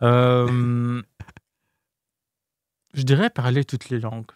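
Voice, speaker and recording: A male podcast guest with a foreign accent in his non-native French, recorded close and dry. He talks candidly and casually, with frequent hesitations and rephrasing. His voice sits at an ordinary middle pitch for a man. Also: little pitch movement, darkish tone, clean tone, no echo. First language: not French. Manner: hesitant, pausing and rephrasing often as a second-language speaker. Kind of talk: casual, candid interview talk.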